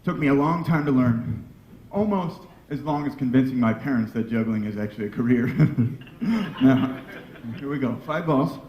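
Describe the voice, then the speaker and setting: A man's voice: medium pitch, expressive, moderate pace, muffled recording. Showman juggler in an echoey hall. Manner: showman patter addressing the audience, self-mocking jokes. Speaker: stage juggler and comic. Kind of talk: live comedy juggling act. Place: indoor stage before a live audience. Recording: very echoey distant live room recording with loud noise.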